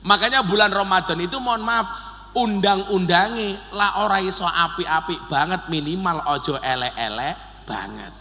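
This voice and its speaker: Male preacher, Javanese accent, comic sermon, bright high voice, hall reverb. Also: normal speed. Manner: joking, animated, mixes Javanese into Indonesian, shouted takbir bursts. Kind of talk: humorous sermon.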